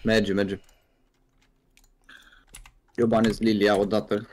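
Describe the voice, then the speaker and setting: A man's voice: lowish voice, slight background noise. A young man from Romania streaming a game, chatting casually and reading viewer questions out to his friends. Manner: relaxed, reads chat questions out to friends. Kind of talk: casual gaming chat on a live stream.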